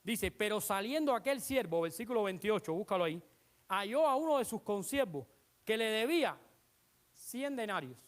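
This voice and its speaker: A preacher giving an animated sermon, retelling scripture with dramatic emphasis and asking the congregation rhetorical questions. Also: medium pitch, moderate pace.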